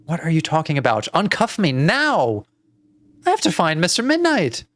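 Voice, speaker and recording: A man's voice: fairly high pitch, huge pitch swings, moderate pace, a bit bright, voice pushed up. Fran, a pleading little girl, as a man puts her on.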